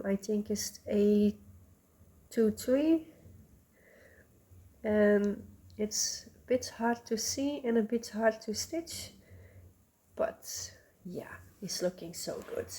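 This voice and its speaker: Slow, rambling woman. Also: medium pitch. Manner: rambling, many ums, soft asides. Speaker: cross-stitch vlogger. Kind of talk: casual show-and-tell chat.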